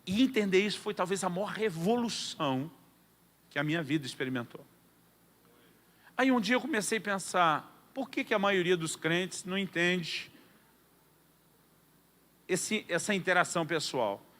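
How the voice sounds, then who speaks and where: A man preaching a sermon as a pastor, telling a personal story with humor and lively delivery. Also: high-pitched, moderate pace, long pauses. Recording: long hall reverb.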